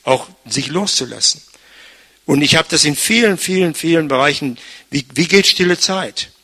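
Older man, pastor, gravelly, bright husky voice, chatty sermon full of "ne?". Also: fairly high pitch, lively intonation, normal speed. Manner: chatty, frequent tag "ne?". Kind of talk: conversational sermon.

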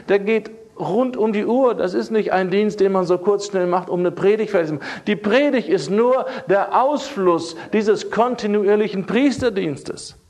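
A man delivers a sermon in a high-pitched voice. He speaks emphatically, circling back to key phrases and pressing them home. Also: darkish tone. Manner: emphatic, repeats key phrases, fillers and restarts. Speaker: preacher.

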